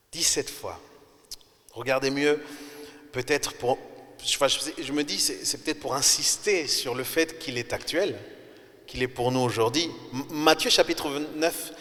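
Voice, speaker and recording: A man's voice: medium pitch, fairly bright tone, in a large hall. A male pastor preaching a sermon, emphatic and conversational, talking straight to the congregation. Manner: emphatic, rising sharply on key words; conversational, addresses listeners directly. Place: church.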